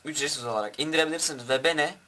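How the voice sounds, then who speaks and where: A man's voice: fairly high pitch, racing, pushed and bright. A young man giving rowdy, crude commentary over his own gameplay and barking orders at his troops. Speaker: gaming youtuber.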